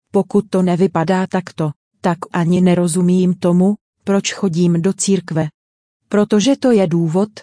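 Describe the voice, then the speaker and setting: Woman doing a sermon voice-over, low-ish warm tone, dry close sound, earnest and direct. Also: dry recording. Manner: earnest, direct storytelling preaching. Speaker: voice-over translator of a preacher.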